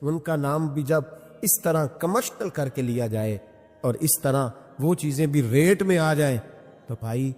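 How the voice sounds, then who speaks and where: A man's voice: fairly high pitch, lively intonation, darkish tone. A male Islamic preacher, delivering an emotional sermon full of rhetorical questions. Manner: impassioned, rhetorical questions, rising and falling delivery. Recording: reverberant hall with faint music.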